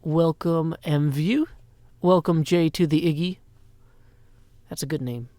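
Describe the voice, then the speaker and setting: A little high, slow and mellow, recorded with no echo, a middle-aged Nashville man talks casually on his live stream. He sounds a bit tired yet playful, rattling off rhyming asides and long greetings into a mic on a stand.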